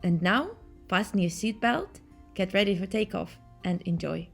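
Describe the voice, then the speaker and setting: A woman's voice: medium pitch, moderate pace, gravelly. A woman reading a scripted promotional introduction for a virtual trip. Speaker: narrator. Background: soft guitar music.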